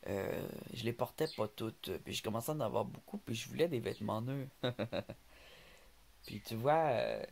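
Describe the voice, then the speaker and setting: Man, Québécois accent, casual vlog chat, rambling, animated pitch, laughs often. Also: measured pace, creaky, a little hiss or hum. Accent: Québécois French. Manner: rambling, laughs often, stumbles on some words. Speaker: vlogger.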